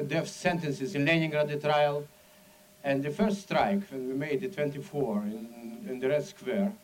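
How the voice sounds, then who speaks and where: Speaking at an event, a Soviet-born man with a Russian accent tells his story in broken English. He's animated and dramatic, tossing in emphatic asides. His voice is mid-range, and the audio quality is poor.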